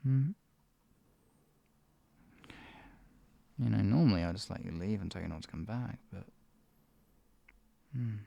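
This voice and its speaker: A performer voicing a teasing, possessive villainous hypnotist in a soft, breathy ASMR role-play, coaxing and lulling a captive pet. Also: sits low, lively intonation, moderate pace, dull audio, full character voice. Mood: smug, doting. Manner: soft coaxing murmur slipping into close speaks softly.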